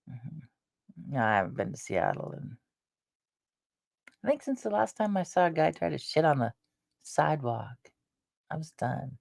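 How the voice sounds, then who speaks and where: Woman, fifties, channel host; slow, meandering chat full of restarts, dry close sound. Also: sits low, creaky, a little mellow, dry recording. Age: 50s. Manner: meandering, with frequent hesitations and restarts. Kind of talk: rambling casual chat.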